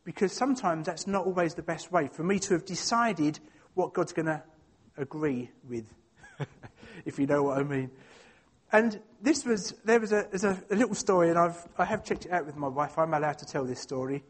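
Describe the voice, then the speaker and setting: High-pitched Essex man, chatty church talk. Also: animated, moderate pace, breathy edge. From Essex, England. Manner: hesitant, self-deprecating, chatty. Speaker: church speaker. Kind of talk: informal sermon with personal anecdotes.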